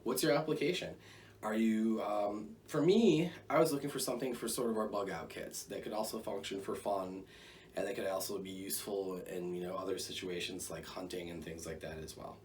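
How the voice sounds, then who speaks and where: Speaking fairly quickly in a slightly mellow, lowish voice, an American man rambles through a casual, conversational product review to camera with jokey asides. He's a gear reviewer, picked up by a distant mic over faint background noise.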